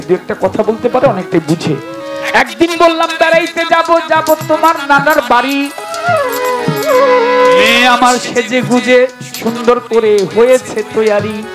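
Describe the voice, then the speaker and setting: A Bangladeshi folk ballad singer tells a religious tale in a dramatic storytelling voice, dropping to hushed tones and then rising to loud declamation. Instruments play clearly behind the voice on a live stage, and the pitch sits in a middle range. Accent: Bangladeshi Bengali. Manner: impassioned, swings between hushed and declaiming. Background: musical instruments playing.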